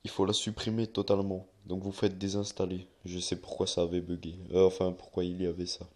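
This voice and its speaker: A man's voice: sits low, monotone, a little fast, darkish tone. A young man giving a casual, rambling screen-recorded tutorial, with many fillers and restarts as he walks viewers through steps.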